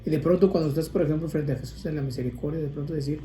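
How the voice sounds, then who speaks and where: Man, priest, casual rambling sermon, very mellow tone, roomy echo. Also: a little high, fairly even intonation, racing. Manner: conversational, rambling with restarts and asides. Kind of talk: informal sermon on prayer. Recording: echoey room with faint ambient noise.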